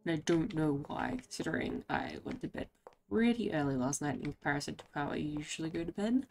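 A tired woman giving casual, halting commentary while playing a game, with many pauses and fillers. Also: low voice, animated, darkish tone, slight background noise. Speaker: gameplay commentator. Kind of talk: casual let's play commentary.

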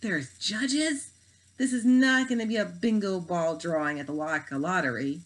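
A woman's voice: fairly low pitch, moderate pace, lightly acted, low-quality recording. A woman reading aloud, voicing a sheepish, half-hearted schoolboy. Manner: mumbling, sheepish.

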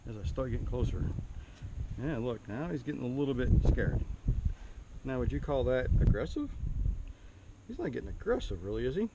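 A man giving a relaxed outdoor snake demonstration on a handheld camera, explaining and asking the viewer questions. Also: medium pitch, a little fast, pauses often, heavy background noise. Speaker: snake educator. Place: outdoors near a trailer. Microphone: handheld camera mic.

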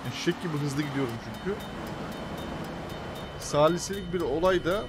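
A young man doing casual let's-play commentary, excitable and quick to grumble and swear at the game. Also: fairly high pitch, loud music behind the voice. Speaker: gameplay commentator.

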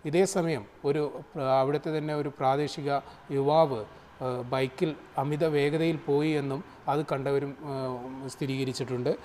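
A man with a Kerala accent reporting live from the field, halting often with fillers and restarts. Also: mid-range voice, steady tone, a little mellow. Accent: Malayali, Kerala. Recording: faint background noise.

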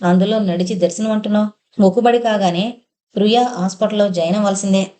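A woman's voice: medium pitch, quick pace, dark tone, natural voice. Woman voicing a curt irritable young husband. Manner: curt, snappish.

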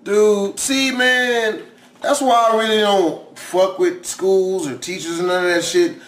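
A man reacting to a video with loud, incredulous and profane casual commentary. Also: high-pitched, fairly even intonation, measured pace, echoey room, soft background music. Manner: loud, incredulous, swearing, mocking.

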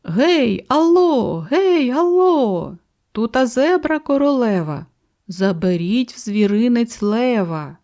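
A shrieking, self-important zebra lady, as a woman reading the story puts her on, her voice jumping high and loud. She barks out her demands with bossy pride. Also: animated, slow. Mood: boastful. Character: boastful shrill female zebra, self-styled queen.

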